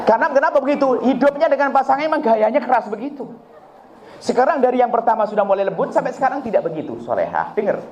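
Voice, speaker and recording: Speaking fast with big swings in his very high-pitched voice, a man delivers a religious talk to a live crowd in a gathering hall, acting out family conversations and throwing out jokes and questions. The hall is echoey, the sound slightly dull, and the crowd faintly audible.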